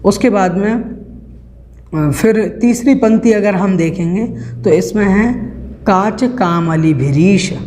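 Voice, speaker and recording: A man teaching a recorded scripture lesson, explaining the text slowly and repeating words to show how they are pronounced. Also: sits high, mellow, slight background noise. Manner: slow, careful, repeats words for pronunciation. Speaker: religious teacher.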